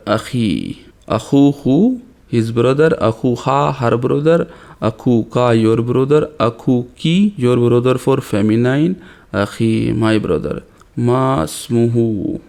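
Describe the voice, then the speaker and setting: Man, recorded lesson, slow example reading, quick asides. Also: mid-range voice, gravelly, a little mellow. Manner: slow deliberate reading of examples, rapid explanations between. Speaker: Arabic teacher.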